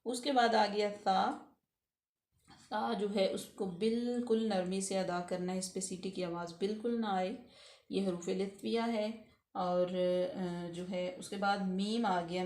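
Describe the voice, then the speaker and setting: A woman teaching Quran recitation rules step by step, patiently explaining each letter and then reciting the words slowly. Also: medium pitch, fairly even intonation, darkish tone, echoey room. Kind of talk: step-by-step tajweed lesson.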